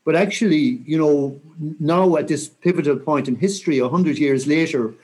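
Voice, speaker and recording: A man in his sixties with a west of Ireland accent, talking reflectively and earnestly in an interview with measured, rhetorical phrasing. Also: a little high, darkish tone, slightly rough. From County Mayo, Ireland. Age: 60s. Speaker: interview guest, senior military officer.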